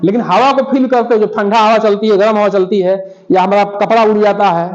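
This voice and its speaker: A man's voice: sits high, fairly even intonation, fairly quick, darkish tone, muffled recording. A male school teacher giving a Hindi lesson in a classroom, patiently asking the class questions and repeating their answers.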